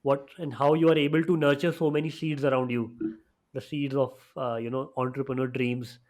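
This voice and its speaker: A man hosting a podcast, speaking in a conversational interview style, appreciative and measured, with soft fillers between phrases. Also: mid-range voice, flat delivery. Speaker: podcast host.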